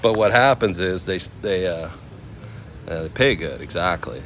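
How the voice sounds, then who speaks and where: The speaker, an American chef and livestreamer in his forties from the West Coast, has a low-pitched, fairly bright voice with lively intonation and a moderate pace. Walking outdoors in a temple complex, he chats loosely and slangily, telling stories to his live viewers. Vehicles pass amid noisy outdoor sound.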